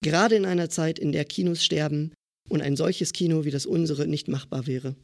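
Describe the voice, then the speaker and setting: A man's voice: fairly high pitch, steady tone, normal speed, dry recording, clean studio sound. A man in his twenties from a student cinema, reading out a formal, critical statement. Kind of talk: read-out statement.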